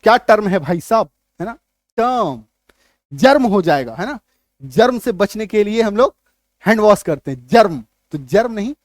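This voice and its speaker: A male teacher giving a spoken lesson, repeating each point and quizzing the listener with quick questions as he drills lists of words. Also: high-pitched, animated, dry recording, clean studio sound. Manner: drills word lists aloud, one word at a time.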